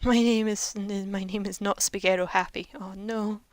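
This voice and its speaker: A game streamer in her twenties rambles casually over the video game she's playing, chatty and self-mocking. Her medium-pitched voice has fairly even intonation and a normal speed, with no echo.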